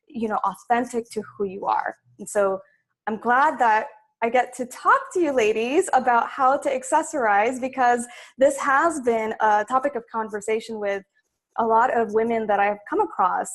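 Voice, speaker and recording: A young adult woman from Sudan, a stylist guest, talking chattily in a casual interview with many fillers. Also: a little high.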